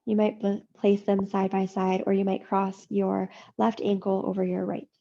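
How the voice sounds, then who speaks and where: A woman yoga teacher leading a slow guided practice, soothing and unhurried with long pauses. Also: medium pitch, monotone, vocal fry, dark tone, highs cut off.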